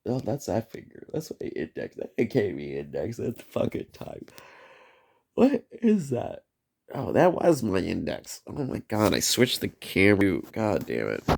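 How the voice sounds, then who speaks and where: A man's voice: low-pitched, very animated, moderate pace, vocal fry, hardly any pauses. A man giving a rambling, profane solo vlog monologue, trailing off on tangents and tagging "man" onto his sentences. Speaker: vlogger.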